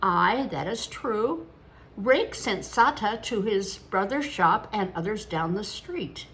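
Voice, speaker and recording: A woman in her older years reading aloud as a good-natured one-eyed old man with a high-pitched cackle, in an emphatic, amused manner. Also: expressive, takes it slowly, a bit bright.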